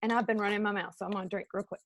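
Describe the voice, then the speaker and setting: A middle-aged woman, giving an animated motivational talk to her team on a live video and calling out viewers by name. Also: mid-range voice, very fast. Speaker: team leader.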